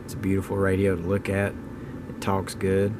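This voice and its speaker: Speaking at a moderate pace in a low, monotone voice, a thirtysomething man talks unscripted about his hobby on video from home. He comes across as folksy, blunt and opinionated, with background noise in the recording.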